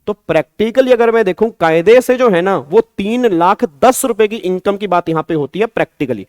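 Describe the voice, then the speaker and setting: A man's voice: sits high, expressive, normal speed, a little mellow, no echo. A man with an Indian accent giving an online exam-prep tax lecture, coaxing students and repeating his questions, mixing Hindi with English terms. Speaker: tax teacher.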